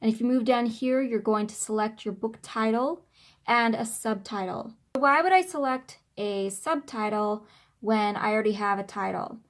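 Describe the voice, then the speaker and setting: A woman's voice: a little high, moderate pace. A woman in her thirties talking in a chatty, informal way as she hosts a how-to video, recorded at home on a camera's built-in mic. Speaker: self-publishing author and video host. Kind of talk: casual how-to tutorial. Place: small furnished room at home. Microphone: camera's built-in microphone, no external mic.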